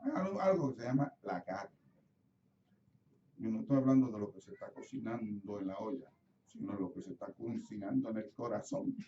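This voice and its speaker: A man's voice: fairly low pitch, brisk, dark tone, slight background noise. A middle-aged man with a Puerto Rican accent preaching a sermon as pastor, telling stories and acting out his own prayers. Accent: Puerto Rican Spanish. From Puerto Rico. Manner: storytelling, acts out his own prayers, asks the congregation questions. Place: church sanctuary. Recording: roomy church sound from a distant mic, slightly dull.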